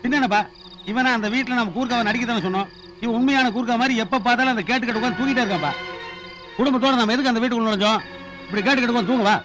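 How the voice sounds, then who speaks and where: A man playing a cheeky household cook in a comedy film, with quick mocking banter. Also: very high voice, over music. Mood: scolding. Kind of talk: Tamil film comedy acting. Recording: noisy film soundtrack.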